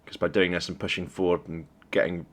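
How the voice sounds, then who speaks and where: A man's voice: low-pitched, little pitch movement, a little fast, a bit bright. A young man coaching a team while reviewing a game replay, encouraging and conversational. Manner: encouraging, conversational, praises plays. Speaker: esports coach.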